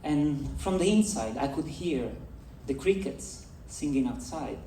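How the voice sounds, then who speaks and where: A man's voice: on the high side, expressive, a little slow, dark tone, slight background noise. A man from Italy with an Italian accent, giving a storytelling keynote talk on a festival stage and addressing the audience directly. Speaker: conference speaker. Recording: echoey hall, voice from far off.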